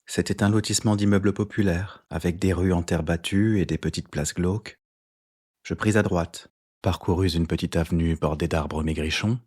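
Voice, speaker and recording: A man narrating a first-person literary audiobook in a measured, even delivery. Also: low-pitched, slightly rough.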